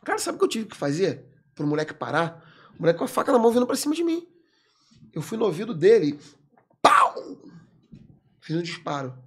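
A man, a military police corporal, telling a story as a podcast guest in an animated, emphatic way, full of slang fillers. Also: sits high, husky. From Brazil. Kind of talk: casual storytelling in an interview.

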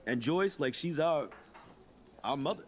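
An actor voicing a friendly, folksy middle-aged guard in a video game, chatty and warning. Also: male voice, a little high, expressive, a little slow, a loud crowd.

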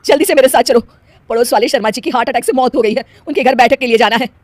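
Woman voicing cartoon mother-in-law: loud, scolding, exasperated. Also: on the high side, racing, dry recording, voice pushed up, close to an everyday voice. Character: scolding middle-aged mother-in-law, easily offended.

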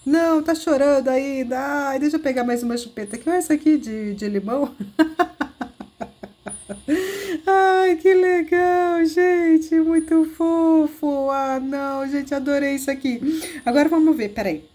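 A woman's voice: high-pitched, normal speed, pauses often, a little mellow. A woman with a Brazilian accent hosting a game walkthrough video, gushing and giggling as she coos over cute things. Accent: Brazilian Portuguese. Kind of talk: excited gameplay walkthrough.

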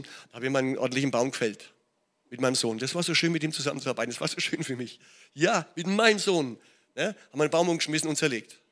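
A man's voice: medium pitch, a bit bright. A middle-aged man with a German accent, preaching a sermon in a church and often checking in with his listeners. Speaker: pastor. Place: church hall.

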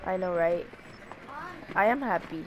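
With a fairly low, unhurried voice, a young gamer banters with the friend she's streaming alongside, laughing a lot as they play. Background noise can be heard behind the casual gameplay chat.

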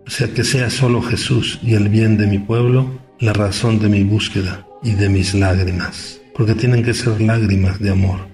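A man, a bishop, reading a gospel passage and giving a measured, reflective homily full of repeated questions. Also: on the low side, fairly even intonation, darkish tone, faint music behind.

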